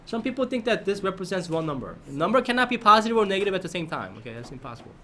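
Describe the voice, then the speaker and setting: A man's voice: high-pitched, sing-song, rapid-fire, bright, forceful tone, a little hiss or hum. A man teaching a math lesson to his class, often prompting students with questions and checking that they follow.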